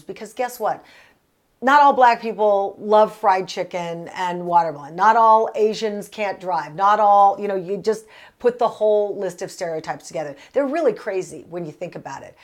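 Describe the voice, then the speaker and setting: A woman in her fifties hosting a casual advice vlog from a small closet, speaking in an earnest, direct, conversational way. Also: lowish voice. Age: 50s. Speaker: parenting vlog host answering a letter.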